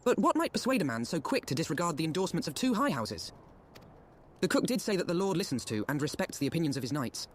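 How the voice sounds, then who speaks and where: A man's voice: fairly high pitch, big pitch swings, fast talker, a little hiss or hum. An actor playing an earnest young male scholar diplomat who speaks in formal, archaic game dialogue. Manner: formal, eloquent, archaic phrasing. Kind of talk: game voice acting.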